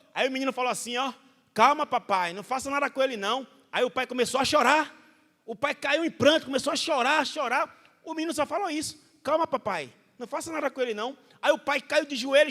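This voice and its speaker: A Brazilian man preaching a Bible study sermon as pastor, telling stories with animation and acting out the voices of the people in them. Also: very high voice. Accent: Brazilian Portuguese. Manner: animated storytelling, acts out quoted voices. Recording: hall reverb.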